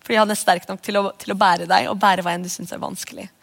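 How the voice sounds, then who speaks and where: A woman pastor in her thirties preaches in an earnest, conversational way, slipping into spoken prayers. Her voice sits at a middle pitch. A long church reverb trails after her words. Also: flat delivery, creaky. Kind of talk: sermon. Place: church hall.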